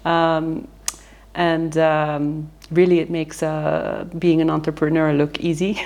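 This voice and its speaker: A company founder in her thirties from England tells her career story candidly in a casual interview, using frequent fillers. Her deep, slightly mellow voice is flat and unhurried.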